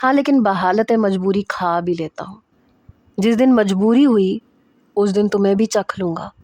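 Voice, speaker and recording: A woman's voice: medium pitch, a little mellow, dry recording, natural voice. A stern young husband who talks down and taunts, his words clipped and curt, read out by a woman narrating the story. The reading is close and dry, with no room around it. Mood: taunting.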